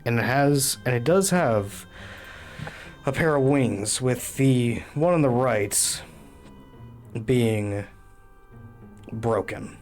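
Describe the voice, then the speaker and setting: A man's voice: mid-range voice, slow, pauses often, darkish tone, soft background music. Stammering male game master. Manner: stammering, many restarts while narrating. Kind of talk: narrating a tabletop game.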